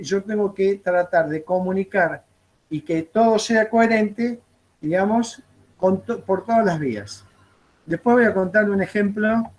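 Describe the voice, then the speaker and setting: High-voiced Argentine man lecturing. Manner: chatty storyteller, frequent "este" fillers. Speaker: aviation course instructor. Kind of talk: classroom lecture with anecdotes.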